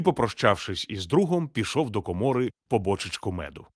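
A man narrating a children's storybook in a steady, measured, gently expressive reading. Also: medium pitch, no echo, studio quality.

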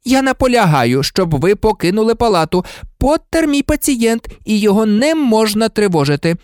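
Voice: mid-range voice, very animated, measured pace, a little mellow, no room sound, clean studio sound, pitched above the performer's own voice. A reader voicing a fussy, bossy middle-aged school nurse in a storybook, scolding and insistent. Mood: fussing.

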